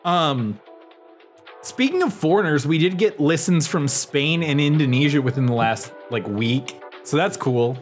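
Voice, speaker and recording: Lively-pitched rambling man. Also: unhurried, faint music behind. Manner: rambling, profane, lots of "like" fillers. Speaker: podcast co-host. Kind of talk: casual chat.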